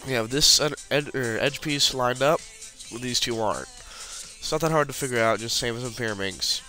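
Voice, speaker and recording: At a normal speed, a man with a mid-range voice and a bright, forceful tone casually explains a puzzle tutorial over a screen recording, with soft music behind him. He walks through the steps while clicking. He has the flu and sounds congested, sniffling as he talks.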